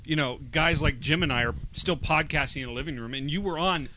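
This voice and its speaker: A man's voice: fairly high pitch, brisk, sharp tone. An American man co-hosting a podcast in a living room with wry, teasing casual banter. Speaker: podcast co-host. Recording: dull sound with faint noise.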